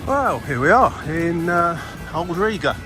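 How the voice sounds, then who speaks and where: A man's voice: a little high, very animated, measured pace. Chatty man, music behind him. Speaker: travel vlogger. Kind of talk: casual travel vlog commentary.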